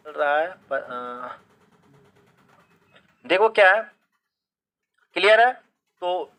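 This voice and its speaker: Man, grammar teacher, live online class, high voice, keeps asking "clear?". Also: sharp tone. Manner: keeps checking if students understand; asks questions then answers them himself.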